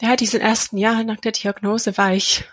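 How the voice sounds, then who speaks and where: A woman's voice: a little high, flat delivery, fairly quick, a bit bright, slightly rough, no room sound. A woman in her thirties from England with an English accent, speaking German in a hesitant personal testimony, full of fillers and restarts. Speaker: mother of a child with a heart defect.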